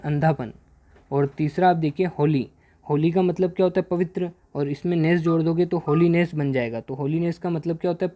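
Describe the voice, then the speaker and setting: A man teaching a grammar worksheet lesson in Hindi. He keeps asking questions and answering them himself, and he reads the English example sentences out slowly. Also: fairly high pitch, warm tone.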